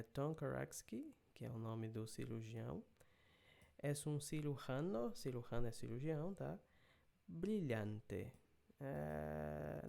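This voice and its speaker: A man's voice: medium pitch, vocal fry, warm tone. A man teaching a video lesson, explaining a drama clip and checking in often with short tag questions. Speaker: language teacher.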